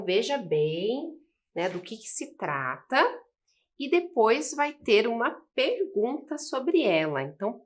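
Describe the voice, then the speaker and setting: A woman teacher with a Brazilian Portuguese accent, giving a recorded school lesson and explaining slowly and patiently, checking in with the viewer often. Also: on the high side. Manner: slow, patient explaining with frequent "né?" and "ok?".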